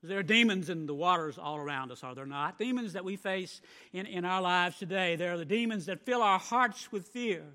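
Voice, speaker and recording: A man's voice: high-pitched, brisk, pushed and bright. A man preaching a sermon, emphatic, with swelling volume and frequent repeated words. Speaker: pastor.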